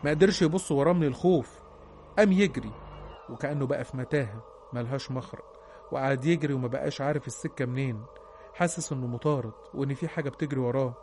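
A man with an Egyptian Arabic accent, narrating listeners' true horror stories in a hushed, suspenseful storytelling manner. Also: medium pitch, racing, a little hiss or hum. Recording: narration over clear background music. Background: background music.

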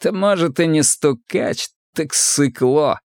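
A man's voice: fairly high pitch, sing-song, a little slow, no echo, clean studio sound, pitched above the performer's own voice. A man voicing a swaggering young male army bully who barks coarse, contemptuous slang.

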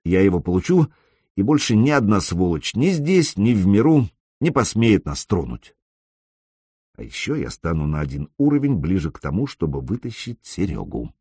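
Man doing a calm, tender young man. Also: normal speed, husky, dry recording, studio quality, exaggerated voice. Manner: soft, reassuring, low murmurs.

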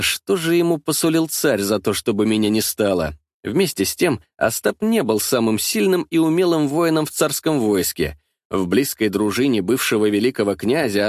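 A man's voice: mid-range voice, moderate pace, dry recording. A man narrating a historical adventure audiobook in the first person, telling it expressively on a close studio mic. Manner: expressive, lively storytelling.

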